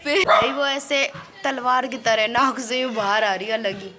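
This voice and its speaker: A woman's voice: fairly high pitch, steady tone, normal speed, heavy background noise. A young woman vlogger telling a story in a chatty way, laughing often as she talks. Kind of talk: casual storytelling vlog.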